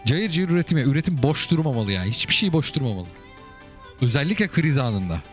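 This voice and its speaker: A man's voice: mid-range voice, very animated, fairly quick, soft background music. Chatty man talking over a game. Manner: chatty, keeps asking "you get it?" and calling the listener brother. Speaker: host analysing viewers' game replays. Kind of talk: casual commentary.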